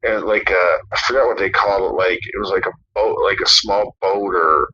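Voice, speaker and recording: A man's voice: deep voice, moderate pace, lo-fi sound, slight background noise. A man co-hosting a casual podcast, rambling through a story with many fillers and some swearing. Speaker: podcast co-host.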